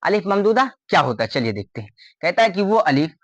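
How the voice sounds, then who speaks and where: Man, teacher, quizzes and answers himself, slightly high voice, dry sound. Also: big pitch swings, fast talker, a bit bright, no echo. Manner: repeats questions to students and answers them. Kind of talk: classroom grammar lesson.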